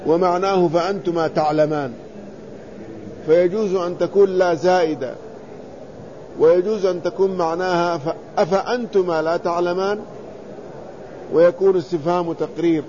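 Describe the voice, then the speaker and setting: High-voiced man reading hadith commentary. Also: fairly even intonation, mellow, muffled recording, slight background noise. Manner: measured, deliberate, spells out letters and vowels. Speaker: Islamic scholar teaching hadith commentary. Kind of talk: reading and explaining a classical text.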